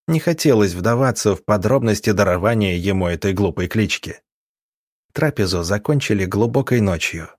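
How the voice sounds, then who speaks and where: A man narrating an audiobook in a measured, even way. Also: on the low side, dry recording, clean studio sound.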